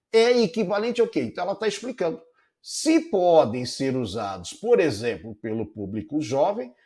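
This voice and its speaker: A man's voice: on the high side, darkish tone. A middle-aged man teaching a recorded online lecture, explaining step by step and checking in with frequent tag questions. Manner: explanatory, many checking "né?" tags.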